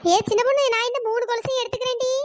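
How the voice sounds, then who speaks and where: Super high squeaky village auntie, haggles and gets huffy, dry. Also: female voice, steady tone, rapid-fire, no echo. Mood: chatty. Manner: chatty, haggling, easily offended. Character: plump village woman customer, bargaining, touchy. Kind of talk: cartoon voice acting.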